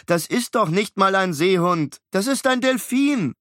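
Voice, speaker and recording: A man's voice: high voice, lively intonation, a little slow, fairly bright tone, no room sound, studio quality, voice pushed up. A man voicing a clever, fussy boy twin who talks in a precise, lecturing way. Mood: explaining.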